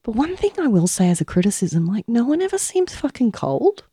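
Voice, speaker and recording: Animated woman, lively pitch. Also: brisk, slightly rough, no room sound, studio quality. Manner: animated, opinionated, swears freely. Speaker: podcast co-host reviewing a film. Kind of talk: casual chat.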